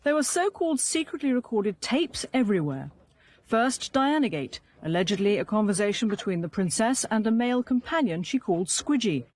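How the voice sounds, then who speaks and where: A woman's voice: mid-range voice, very animated, fairly quick, a little mellow. A woman delivering a scripted news report.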